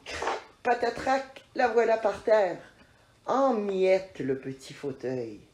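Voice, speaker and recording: A woman narrating a children's story in an expressive, lilting way. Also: mid-range voice, slow pace, noisy background. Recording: roomy echo.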